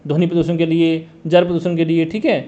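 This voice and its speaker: A man with a high, quick voice gives an exam strategy talk, briskly listing what to study and often turning to his listeners. The sound is dull and lo-fi. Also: level tone, dark tone. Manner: brisk, keeps saying "dosto" and "theek hai". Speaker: exam coach.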